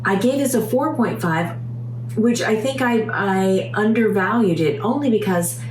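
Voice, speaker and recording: A woman's voice: mid-range voice, measured pace, darkish tone. A woman with a scratchy voice from being sick, chatting casually about books as a reviewer, enthusiastic and searching for words with emphatic repeats. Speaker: book reviewer and vlog host. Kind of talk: casual book review chat. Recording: roomy echo, clear background noise, hum.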